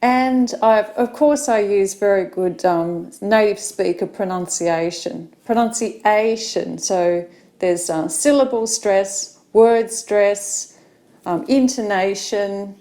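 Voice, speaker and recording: Australian woman, middle-aged, English teacher; slow, filler-heavy practice talk. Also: mid-range voice, steady tone, mellow. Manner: unhurried, with many fillers.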